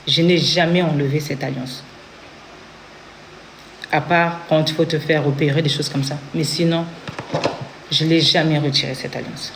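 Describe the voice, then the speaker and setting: A woman's voice: low voice, steady tone, moderate pace, long pauses, background noise. A woman from Congo with a Congolese French accent, telling her own story in an earnest testimony and acting out what others said. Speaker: interviewee giving a testimony. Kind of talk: personal testimony.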